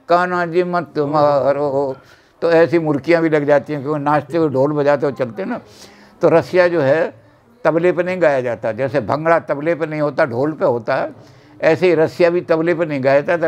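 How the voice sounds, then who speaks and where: Smooth-voiced man explaining folk songs. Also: a little high, a little mellow, dull audio. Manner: quick, flowing explanations. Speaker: guest folk music expert.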